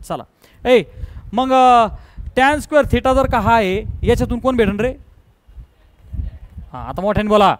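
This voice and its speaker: A man's voice: very high-pitched, animated, unhurried, pauses often, rough recording. A man teaching math to a classroom, firing questions at students and mixing in English terms. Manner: drills students with call-and-response questions. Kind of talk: classroom lecture.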